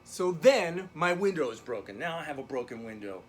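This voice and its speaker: A man's voice: fairly high pitch, sing-song, moderate pace, slight background noise. A man playing a down-on-his-luck drum teacher who rambles through a digressive, profane story during a remote lesson. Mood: rambling. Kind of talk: comedic character monologue. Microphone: video call lesson.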